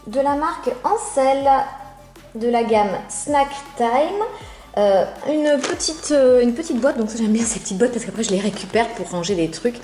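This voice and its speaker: A woman's voice: on the high side, animated, normal speed, warm tone, faint music behind. A woman casually reviewing products from a subscription box, chatting with many hesitant fillers. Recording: roomy echo.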